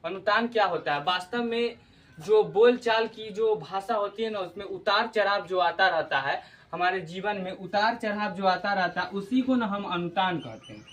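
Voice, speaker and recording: A man's voice: high voice, normal speed, a bit bright. A man teaches a grammar lesson, repeating key words and explaining with everyday memory tricks.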